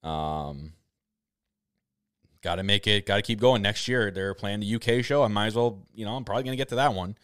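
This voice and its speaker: A young man co-hosting a podcast, telling a story in casual chat, excitable, laughing often, with many restarts. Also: fairly low pitch, fairly quick, clean tone, no echo, clean studio sound. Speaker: podcast co-host.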